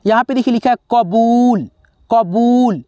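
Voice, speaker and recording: A man teaching a spelling lesson, slowly sounding out letters one by one and often pausing to check in with his viewers as friends. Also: extremely high pitch, mellow, no echo, studio quality. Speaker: English teacher.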